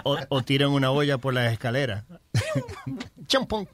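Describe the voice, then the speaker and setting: A man's voice: medium pitch, fairly even intonation, brisk, slight background noise. A man co-hosting a radio show, telling laughing stories and mixing Spanish with English. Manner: switches between Spanish and English, laughing anecdotes. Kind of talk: casual storytelling banter.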